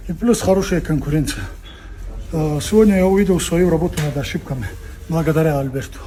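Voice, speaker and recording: A man's voice: on the high side, fast talker, mellow. A male fighter, giving modest, noncommittal interview answers. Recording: crowd noise in busy venue.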